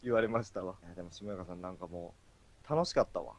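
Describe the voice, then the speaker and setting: A man's voice: deep voice, fast talker. A man co-hosting a casual stream, a chatty storyteller who acts out quotes. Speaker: stream co-host.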